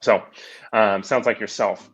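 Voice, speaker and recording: A man with a lowish voice hosts an interview, circling his thoughts with hesitant, rambling phrasing. His audio sounds dull and lo-fi, as if it were picked up through a weaker mic. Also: steady tone, measured pace, breathy edge. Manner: rambling, hesitant, full of filler words. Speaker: podcast host. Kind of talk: casual interview chat.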